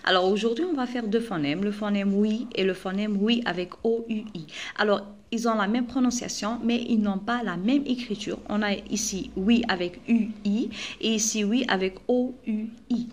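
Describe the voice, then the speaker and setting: A woman's voice: mid-range voice, normal speed, a little mellow. A woman teaching a primary school lesson, patiently spelling out letters and repeating words. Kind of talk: recorded classroom lesson.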